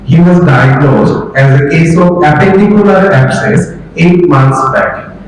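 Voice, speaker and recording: A man with a husky, sore voice giving a formal medical case presentation to colleagues. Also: a little high, unhurried, faint music behind. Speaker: presenting doctor. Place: hospital lecture hall. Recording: very echoey hall from far off.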